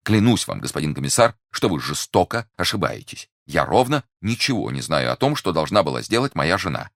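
A man voicing a fussy, frightened middle-aged merchant who pleads and protests excitably. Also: rumbling low, fairly quick, no room sound, clean studio sound, pitched above the performer's own voice, exaggerated voice. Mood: pleading. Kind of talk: audiobook character reading.

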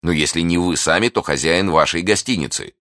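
A man's voice: low-pitched, a little fast, a bit bright, no room sound, clean studio sound. A man voicing a bold young guardsman who speaks urgently and earnestly. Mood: eager. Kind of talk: audiobook character voice.

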